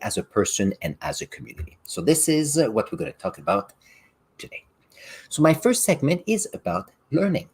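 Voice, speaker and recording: This middle-aged man, a native French speaker, hosts his own solo podcast and also works as a science teacher. His voice is lowish, darkish and slightly rough. He speaks reflectively, explaining ideas through classroom examples and occasionally restarting his sentences.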